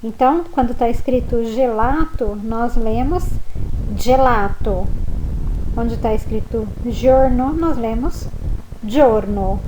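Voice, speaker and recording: Patient woman language teacher, slightly high, mellow tone, unhurried lesson pacing. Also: slight background noise, low-quality recording. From Brazil. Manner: patient, spells letters and models words slowly. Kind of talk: slow spoken lesson.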